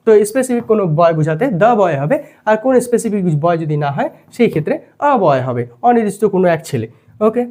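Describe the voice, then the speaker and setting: A teacher walks through a grammar lesson one small step at a time. The voice sits at an ordinary middle pitch, and the delivery keeps returning to quick questions to make sure the students are following. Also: expressive, mellow. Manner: explains step by step, checks in often with questions. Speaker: English teacher.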